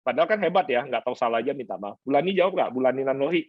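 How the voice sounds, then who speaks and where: A male pastor teaching a conference session, lively and animated, mixing in English words and acting out quoted couples. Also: racing, dry recording, narrow, tinny audio. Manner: lively, acts out quoted couples in higher voices; mixes English words into speech. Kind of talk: seminar teaching talk. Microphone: conference stream.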